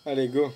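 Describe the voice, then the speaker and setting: A man's voice: mid-range voice, mellow, slightly rough. A young man doing casual let's play commentary, joking and swearing at characters while reading their lines aloud. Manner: joking, swears at game characters, reads dialogue in silly voices.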